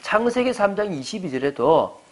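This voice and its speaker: A man's voice: high voice, very animated, normal speed. A man in his forties, a pastor preaching a sermon at a church service. He explains his points conversationally and keeps putting rhetorical questions to the congregation.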